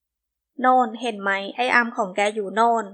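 Casting note: sweet-voiced, quick-tempered young woman, blunt and scolding, read by a female narrator, higher pitch. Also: steady tone, fairly bright tone, natural voice.

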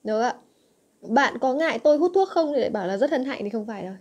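A woman's voice: on the high side, lively intonation, fast talker, a little mellow, slightly rough. A young woman teaching an English exam-answer lesson, coaxing her students with frequent check questions. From Vietnam.

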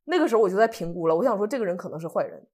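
A woman's voice: mid-range voice, rapid-fire, husky. A woman co-host from Northeast China telling a personal story in casual chat, acting out what people said. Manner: animated, acts out what people said.

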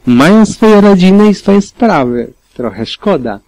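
A man's voice: high voice, sing-song, measured pace, a little mellow, no echo, voice pushed up, heavily acted, low-quality recording. A man reading an audiobook, voicing a young female pony who is shy and easily flustered, in a raised, hesitant voice. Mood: sad. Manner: reading aloud, self-conscious and hesitant. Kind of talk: audiobook reading of fan fiction.

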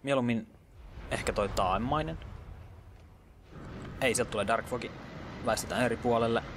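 A man's voice: medium pitch, background noise. A man giving casual let's play commentary, chatty and muttering, sometimes dropping to a whisper in tense moments and mixing in English gaming slang.

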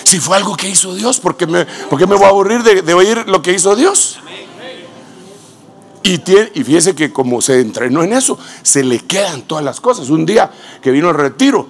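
Predicador de voz aguda y rasposa. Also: male voice, expressive, moderate pace, faint music behind. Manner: shouts exclamations, swings from loud cries to low storytelling. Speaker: apostle preaching. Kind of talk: sermon.

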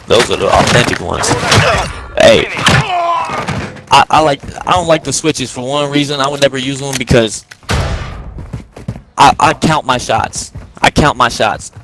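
Gunfire and other game sounds play behind the mic as a gamer in his twenties talks casually mid-game, spinning long, rambling stories in heavy slang. His voice is mid-range, and there is background noise.

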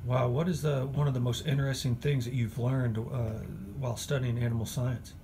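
A male host asks questions in a casual, upbeat way, pausing on fillers. His pitch is ordinary. The room behind him carries a steady, clearly audible hiss. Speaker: interviewer host. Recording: noisy room recording.

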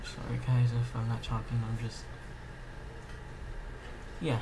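Speaking in a monotone at medium pitch, a slightly unwell gaming channel host offers casual gameplay commentary. His talk is halting and half muttered to himself, and noise is plainly heard behind him in the homemade recording.

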